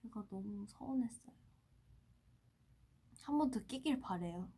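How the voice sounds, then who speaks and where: A woman in her twenties hosting a casual livestream, chatting playfully with fans and often dropping to a hushed tone. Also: mid-range voice, animated, measured pace, husky. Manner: playful, often drops to a soft hush. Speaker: idol livestream host. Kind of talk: casual livestream chat, answering fan comments.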